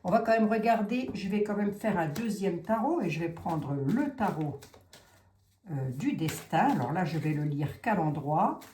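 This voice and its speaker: A woman's voice: fairly low pitch, expressive, normal speed, warm tone, reverberant, a little hiss or hum. A middle-aged woman giving a casual tarot reading, chatty and frank, with mocking asides. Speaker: tarot reader.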